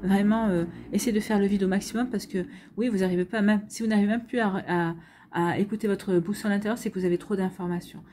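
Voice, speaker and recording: A woman's voice: medium pitch, fairly even intonation, fast, warm tone, slight background noise. A woman giving a weekly tarot guidance reading, talking straight to viewers in a hesitant way, with many fillers and repeated words. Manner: addresses viewers directly, conversational. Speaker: tarot and astrology reader.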